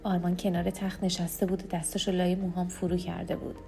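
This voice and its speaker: Brief: female audiobook narrator, steady, hushed, warm low tone over soft music. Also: vocal fry. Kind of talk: first-person novel reading.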